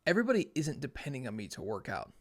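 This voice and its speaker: A young podcast host talks alone, thinking aloud in a casual, earnest and plainspoken way. His medium-pitched voice swoops wildly in pitch, and he speaks fast.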